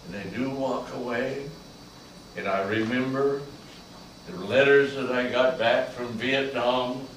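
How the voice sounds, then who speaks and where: An older man, a veteran, performing a slow, emotional spoken-word monologue that swells to loud peaks on key lines. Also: medium pitch, steady tone, a little hiss or hum. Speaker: Vietnam veteran storyteller. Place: large echoey college room. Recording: echoey room from far off.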